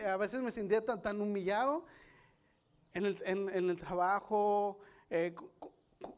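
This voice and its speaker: A middle-aged man, a pastor giving a confessional testimony sermon, full of fillers, restarts and appeals to his brothers. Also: sits high. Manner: halting, with many fillers and restarts; confessional, addresses listeners as brothers.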